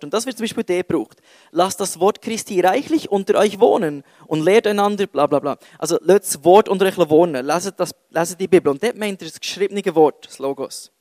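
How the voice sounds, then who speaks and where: A man's voice: high-pitched, darkish tone, no room sound. A young man with a Swiss German accent giving a casual, self-mocking sermon full of jokey asides. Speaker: youth preacher.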